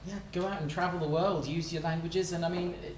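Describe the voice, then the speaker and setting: A panelist in their thirties speaking in a relaxed, self-deprecating way. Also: mid-range voice, quick pace. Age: 30s. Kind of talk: panel discussion. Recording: echoey hall, mic far off, some noise.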